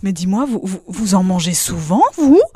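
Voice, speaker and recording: A woman's voice: medium pitch, lively intonation, normal speed, warm tone, husky, dry recording, studio quality. A woman voicing a naive, impatient male wolf who keeps interrupting. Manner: whiny, eager interruptions.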